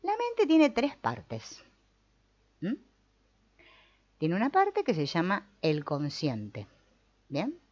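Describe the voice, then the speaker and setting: A woman teaches a spiritual lesson in a low voice that swings widely in pitch. She slips into little acted inner voices to make her points. The recording sounds a bit dull and lo-fi. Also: very slow, pauses often. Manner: lively, acts out inner voices. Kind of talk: teaching a talk on the mind.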